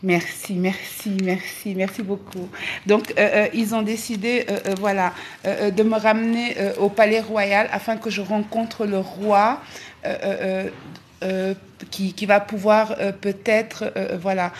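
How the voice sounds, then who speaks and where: A woman speaks to her followers on a live travel vlog. She talks at a middle pitch and stops often, with a stream of fillers and repeated words. A faint hiss sits behind her. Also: flat delivery, measured pace. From Senegal. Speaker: travel vlogger.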